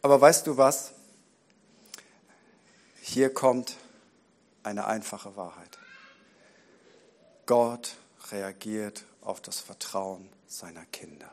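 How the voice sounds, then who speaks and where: A man's voice: on the low side, takes it slowly, long pauses, darkish tone. A man preaching a sermon as guest preacher, building up repeated rhetorical lines and dropping in joking asides, recorded in a church.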